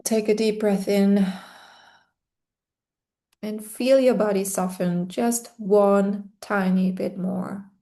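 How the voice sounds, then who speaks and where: A woman guiding a relaxation meditation in a slow, soothing way, with long pauses between phrases. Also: mid-range voice, fairly even intonation, dark tone. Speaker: meditation guide. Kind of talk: guided meditation.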